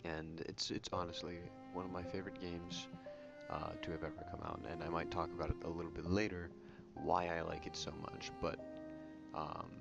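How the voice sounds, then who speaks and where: A soft-spoken man giving casual, rambling ASMR commentary on a video game, correcting himself as he goes. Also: flat delivery, normal speed, vocal fry. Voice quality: soft-spoken, low voice without whispering. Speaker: YouTube game channel host. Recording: muffled audio under prominent music. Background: music.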